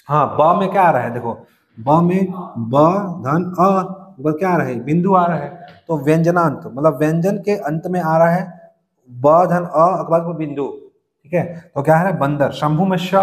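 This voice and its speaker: A male teacher giving a classroom lecture, explaining step by step, asking the class questions and answering them himself. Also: a little high. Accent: Chhattisgarh Hindi. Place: coaching classroom. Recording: long reverb.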